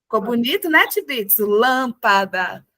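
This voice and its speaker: A woman with a fairly high voice leads a music lesson over a video call. She is encouraging and often chants words slowly, beat by beat. Her sound is close and dry, with no room echo. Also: animated, pushed and bright. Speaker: music teacher. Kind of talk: teaching a group music lesson.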